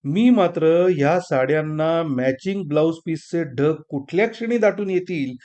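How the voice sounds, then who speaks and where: A man's voice: a little high, animated, normal speed, dark tone. A man narrating a first-person story, reading wryly and dramatically and voicing the characters. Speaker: story reader.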